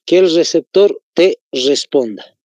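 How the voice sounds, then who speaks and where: Bolivian man, patient teacher, slightly high voice, dry close sound. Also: expressive, takes it slowly, darkish tone, no room sound. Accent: Bolivian Spanish. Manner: explains patiently, repeats key phrases, addresses students as chicos. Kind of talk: online class lesson.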